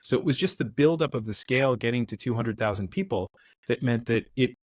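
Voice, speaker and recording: Recorded in a clean studio with no echo, a middle-aged American man speaks briskly at a medium pitch. As a podcast guest in a casual interview, he relaxes into career anecdotes, frequently restarting his sentences.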